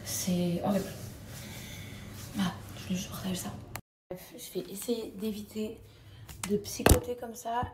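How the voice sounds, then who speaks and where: A woman's voice: mid-range voice, unhurried, long pauses. Chatty young woman, echoey noisy recording. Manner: chatty and confiding, drops to soft near-whispered asides. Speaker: lifestyle vlogger. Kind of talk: casual confiding vlog chat. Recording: echoey with loud background ambience.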